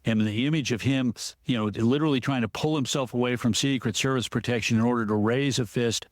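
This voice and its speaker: Man, political analyst guest, measured and explanatory, dry close sound, mid pitch. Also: dry recording. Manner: measured, explanatory, often restarts sentences. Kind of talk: podcast interview.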